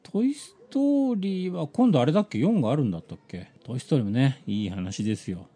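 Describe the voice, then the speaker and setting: A man's voice: mid-range voice, fast, breathy edge. A man with a Hiroshima Japanese accent chatting casually on a live stream, telling stories animatedly and acting out conversations as he answers viewer messages. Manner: animated storytelling, acts out quoted conversations.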